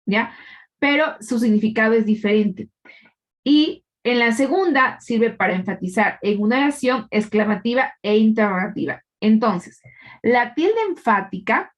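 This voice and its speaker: A woman teacher giving a live class, explaining patiently and quizzing her students, with frequent tag questions. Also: fairly high pitch. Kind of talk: live online class lecture.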